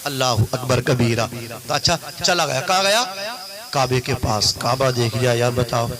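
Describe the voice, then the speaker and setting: A man preaching an impassioned sermon at a large gathering, shouting out lines and pressing the crowd to answer him. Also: medium pitch, poor audio. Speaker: Islamic preacher. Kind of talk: fiery sermon with call-and-response. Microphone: handheld mic. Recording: crowd heard throughout.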